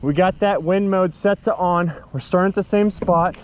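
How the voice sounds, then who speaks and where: Man, fairly high voice, riding outdoors, chest-mounted camera mic, wind-noise reduction artifacts warping the voice. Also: moderate pace. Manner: talks while riding into wind. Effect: voice warped by digital wind-noise reduction. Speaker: camera gear reviewer. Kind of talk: casual demo narration. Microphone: chest-mounted action camera mic.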